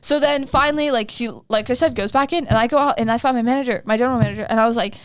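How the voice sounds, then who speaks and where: A young woman in her twenties tells a rambling, animated story as a podcast co-host, leaning on "like" at every turn. Her voice sits a little high, recorded close and dry with no room sound. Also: racing, clean tone, no room sound. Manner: animated, rambling, heavy use of "like". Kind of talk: casual storytelling chat.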